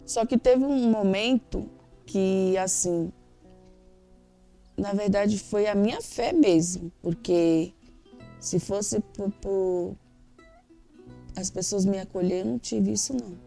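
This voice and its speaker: A woman's voice: medium pitch, slow, vocal fry, long pauses, dark tone, soft background music. A Brazilian Portuguese-speaking woman giving an emotional, candid personal testimony in an interview, acting out the dialogue she quotes.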